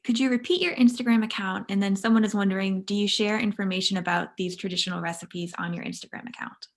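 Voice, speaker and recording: A woman's voice: mid-range voice, steady tone, quick pace. Polite woman moderator reading questions.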